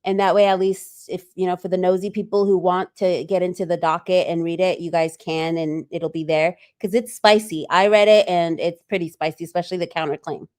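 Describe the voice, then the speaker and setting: A woman's voice: fairly low pitch, steady tone, brisk, few pauses, a little mellow. A woman hosting a casual livestream, chatting loosely and reading viewer comments aloud with frequent ums. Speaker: livestream host.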